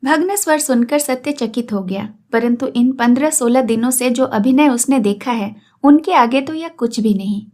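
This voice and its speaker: A woman reading a classic story aloud in a measured, literary narration. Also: fairly high pitch, a little mellow.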